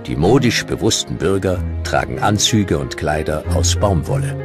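Over background music, a male documentary narrator with a very low voice and animated intonation reads scripted history. His sentences are short, measured, and dramatic.

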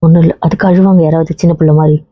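A woman's voice: sits low, level tone, rapid-fire, no room sound. Woman in a family drama, teasing and coaxing, dry muffled sound. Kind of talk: scripted family drama dialogue.

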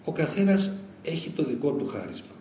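Older monk talking in a roomy hall. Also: male voice, a little high. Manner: conversational, animated storytelling with chuckles. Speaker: monastic elder giving a talk. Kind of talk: informal spiritual talk. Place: lecture hall. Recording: roomy hall sound with faint noise.

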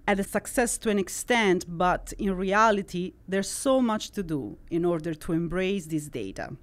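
A middle-aged woman from central Italy with an Italian accent, hosting a studio podcast and reading a measured, scripted introduction into a boom mic. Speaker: host. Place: studio with wood-slat wall. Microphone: boom-arm studio mic.

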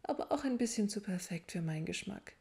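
Woman doing an earnest bookish witch girl, indignant questions, warm voice. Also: medium pitch, expressive, brisk, breathy edge.

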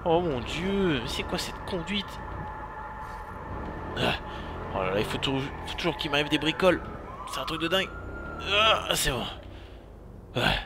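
Playing the same driving game in character, this man's fairly high, expressive voice moves unhurriedly and pauses often, though his commentary stays frantic, with swearing and repeated exclamations. The backdrop is noisy with the game's car engines and police sirens.

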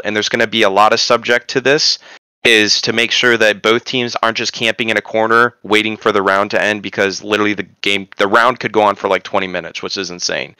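A man's voice: fairly low pitch, sharp tone, smooth, no room sound. A man giving an informal pre-game briefing as a tournament organizer, emphatic and often checking that he is understood. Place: indoors, online group voice chat.

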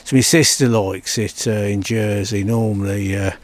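On the low side, with fairly even intonation and a moderate pace, an older English man chats casually while filming his own vlog from a canal towpath ride. He keeps saying "folks" and "follow me," recorded on a cabled mic as he rides.

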